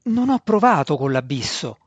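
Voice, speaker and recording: A man's voice: on the high side, sing-song, moderate pace, husky, dry recording. A man playing a desperate scheming wizard. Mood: urgent. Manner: urgent, pleading. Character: desperate, scheming male dark-elf wizard. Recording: dull, dry sound.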